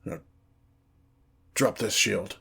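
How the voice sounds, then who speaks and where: A character performer takes on a haughty, exasperated male demon lord, grandiose but petty, in a one-sided, scripted ASMR fantasy roleplay. His slightly bright voice carries a reluctant, irritated mood as he speaks in a pompous, formal way, phrasing things slowly and deliberately and sighing with irritation.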